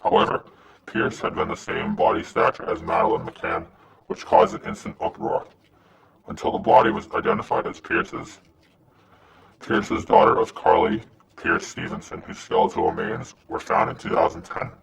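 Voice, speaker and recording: A man reading a scripted anonymous message in a disguised, pitched-down voice. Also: huge pitch swings, normal speed, crowd noise. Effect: disguised voice, pitched down and gravelly. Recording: noisy, distant-sounding recording.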